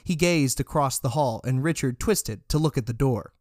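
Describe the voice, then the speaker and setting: A man narrating a story in an even, steady reading voice. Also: mid-range voice, normal speed, no room sound, clean studio sound. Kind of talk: audiobook narration.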